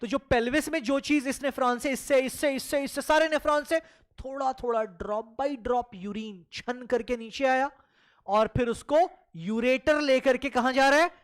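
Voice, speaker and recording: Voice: sits high, moderate pace, clear, resonant tone. A biology teacher giving a classroom lecture who keeps asking the class questions and answering them, repeats words for emphasis, and calls the students children. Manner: mixes Hindi and English freely.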